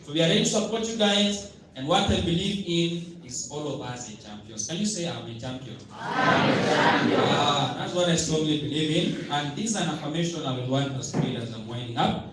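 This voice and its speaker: A man's voice: a little high, fairly quick, background noise. A man giving a motivational talk, leading the audience in call-and-response affirmations. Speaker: motivational speaker. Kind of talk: motivational speech. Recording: echoey hall, far from the mic.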